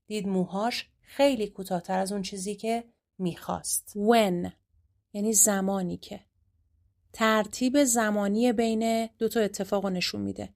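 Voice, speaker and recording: Here a Persian-accented woman runs an English grammar lesson in a mid-range, darkish voice, hurrying through explanations and then reading the English examples slowly and clearly.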